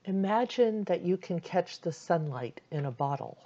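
A woman leading a guided meditation in a calm, soothing voice, giving gentle instructions with long pauses. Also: on the low side, dull audio.

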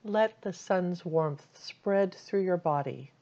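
A woman leading a guided meditation in a calm, soothing voice, giving gentle instructions with long pauses. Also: fairly low pitch, dull audio.

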